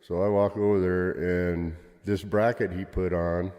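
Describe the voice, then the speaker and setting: A man's voice: sits low, little pitch movement, a little slow, darkish tone. An older man co-hosting a podcast, telling stories in casual chat, with cave-like reverb on his voice. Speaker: podcast co-host.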